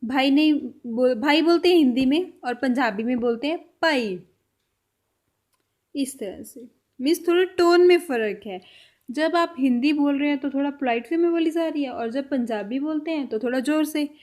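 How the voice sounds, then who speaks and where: A woman teaching a vocabulary lesson, saying each word and then repeating it, with her voice trailing off softly at the end of a phrase. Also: high-pitched, a little fast. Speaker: language teacher.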